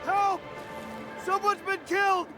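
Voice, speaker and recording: A high-pitched video game townsman, panicked and queasy with horror. He sounds nauseated and appalled as he talks. Faint music sits behind the voice. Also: little pitch movement, slow pace. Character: panicked, queasy man who found a corpse.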